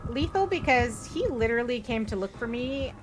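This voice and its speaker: Lively high-voiced woman chatting over a game. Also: normal speed, background noise. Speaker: gamer in a group horror game session. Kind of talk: casual gameplay chat.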